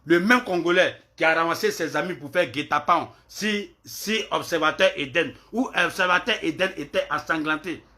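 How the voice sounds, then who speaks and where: Heated, bright-voiced man ranting. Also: normal speed, hardly any pauses. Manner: heated, repetitive, swings from loud outbursts to low mutters. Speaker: online commentator. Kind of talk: ranting commentary video.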